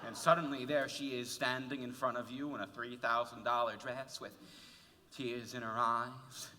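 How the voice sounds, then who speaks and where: A man with a medium-pitched voice delivers his lines flatly at a moderate pace, lightly acted, with background noise around him. He plays a wistful narrator of a favorite cast album in a stage musical, chatting, musing and confiding to the audience. The recording captures a roomy school auditorium from a distance.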